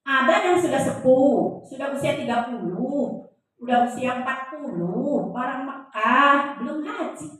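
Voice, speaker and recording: A woman's voice: high voice, unhurried, a bit bright. A woman lecturer teaching a class in a joking way, quizzing her audience with questions. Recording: very echoey room, voice heard from a distance.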